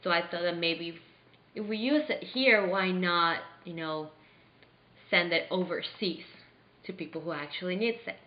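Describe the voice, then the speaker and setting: Young woman from Venezuela, low voice, earnest and halting, roomy slightly dull recording. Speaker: interviewee playing a charity founder. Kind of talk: staged mock interview.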